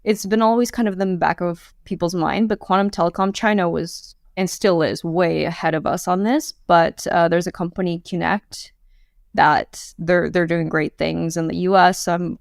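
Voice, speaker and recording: A woman in her thirties, a quantum computing founder guesting on a podcast, talks candidly and chattily with many fillers in a casual interview. Her voice is on the low side and gravelly, captured in a dry, studio-quality recording.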